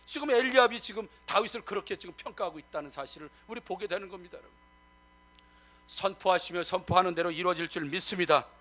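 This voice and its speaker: A middle-aged male pastor preaching a sermon, emphatic and rising to loud exclamations as he keeps addressing the congregation. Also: high voice, fast.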